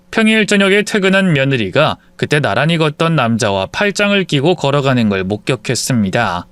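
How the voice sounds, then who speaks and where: Lively male storyteller, dry close sound. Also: on the high side, clear, resonant tone, no echo. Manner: lively reading with acted dialogue. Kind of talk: scripted story narration.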